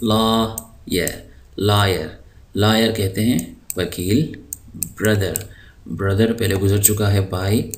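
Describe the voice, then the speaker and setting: A man from Pakistan who teaches English words in a recorded lesson. He draws each word out slowly, then explains it patiently, with frequent hesitation fillers. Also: lowish voice.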